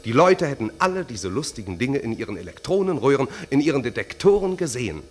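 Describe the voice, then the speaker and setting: A theatrical stage magician, played by a man, mocking and vengeful, in an old-style radio play. His voice swoops hugely from low murmurs to high exclaims. He talks slowly and hypnotically, as if casting a spell. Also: big pitch swings, lightly acted. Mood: triumphant, hypnotic. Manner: slow, hypnotic, commanding delivery. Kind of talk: vintage radio play acting.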